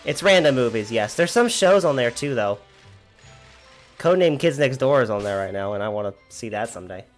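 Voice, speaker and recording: Expressive and a little fast, a twenty-something livestreamer chats his way through a relaxed gaming session, laughing as he responds to viewers. His voice sits in a typical middle range for a man, and quiet game music plays faintly behind.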